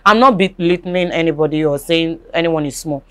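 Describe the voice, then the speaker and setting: A woman with a Nigerian accent hosting a casual talk show, talking in an animated way, repeating herself and asking if you follow. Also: sits low, a little fast, smooth. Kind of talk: casual chat.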